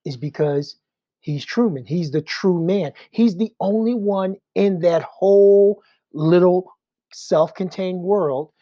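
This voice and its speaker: A man's voice: sits high, dark tone, dry recording, dull audio. A man teaching an adult Sunday school class in a conversational way, often checking in with rhetorical questions.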